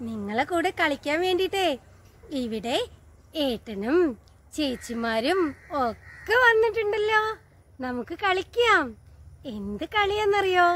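Very high sing-song lady teacher, slow and coaxy, talking to little kids online. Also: big pitch swings, fairly bright tone. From Kerala, India. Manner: slow, sing-song, coaxing questions to children. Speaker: special-needs teacher. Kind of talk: online class for young children.

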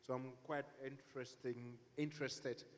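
A man from Cameroon introducing himself on a conference panel, steady with some fillers, on a handheld mic in a large hall. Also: mid-range voice, moderate pace, slight background noise. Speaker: panelist, hub director. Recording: long hall reverb.

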